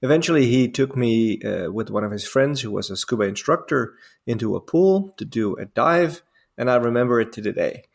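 A man's voice: mid-range voice, animated, brisk, vocal fry. A man in his forties from the Netherlands, a native Dutch speaker, telling stories as a guest on a podcast with lots of fillers. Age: 40s. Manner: rambling, self-amused storytelling with frequent fillers. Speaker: guest diving instructor. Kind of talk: casual podcast interview.

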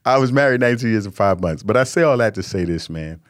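Earnest low-voiced man giving marriage advice. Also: expressive, fast talker, no room sound, clean studio sound. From New York. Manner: earnest, preachy and candid, with repeated emphatic words. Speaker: podcast host.

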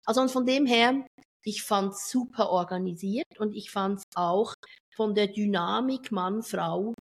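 A middle-aged woman, chatting in an interview about her work as a speaker, lively and talkative and quick to laugh. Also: mid-range voice, breathy edge. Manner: lively and talkative, drifts off topic, laughs often. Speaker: event speaker and finance professional. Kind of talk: casual interview chat.

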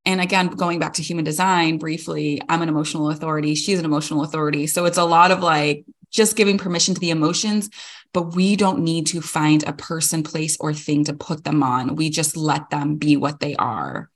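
A woman's voice: low voice, brisk. A woman in her thirties co-hosting a podcast, talking earnestly and reflectively about parenting with many fillers. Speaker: podcast co-host. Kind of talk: casual chat.

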